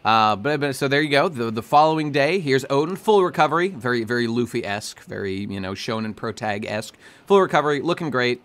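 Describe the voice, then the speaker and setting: A man's voice: mid-range voice, animated, fairly quick, few pauses, fairly bright tone. A man co-hosting a podcast, talking in a loose, rambling casual chat with frequent laughs and casual swearing. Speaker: podcast co-host.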